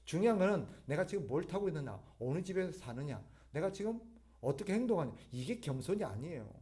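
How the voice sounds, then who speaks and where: A man preaching at an evening church service in a fairly high, very animated voice that leaps up and down in pitch. He keeps asking the congregation questions and answering them himself, breaking into sudden forceful emphasis. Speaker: pastor. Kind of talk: sermon.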